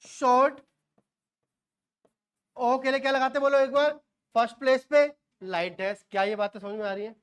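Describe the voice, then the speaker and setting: Quizzing teacher with homely asides. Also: male voice, extremely high pitch, steady tone, moderate pace, long pauses, clean tone. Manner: quizzing, asks and answers his own questions. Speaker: shorthand teacher. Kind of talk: classroom lecture.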